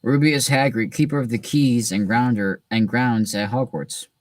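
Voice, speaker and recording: A man reading aloud and voicing a huge, gruff but kindly giant man in a slow, drawn-out way, recorded from a distant mic. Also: mid-range voice, fairly even intonation, dry recording, natural voice. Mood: gruff, friendly. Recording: distant mic in a dry room.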